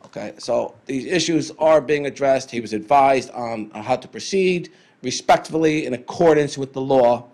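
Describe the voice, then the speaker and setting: A man, a police chief, reading a letter aloud at a town council meeting, plain and steady with some fillers. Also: mid-range voice, moderate pace. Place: council chamber.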